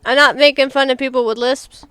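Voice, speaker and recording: A woman's voice: high voice, fairly even intonation, fairly quick, pushed and bright, smooth, dry recording. A woman with a Southern accent, co-hosting a podcast in giggly, swear-filled casual chat. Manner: giggly, swears freely, rambling. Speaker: podcast co-host.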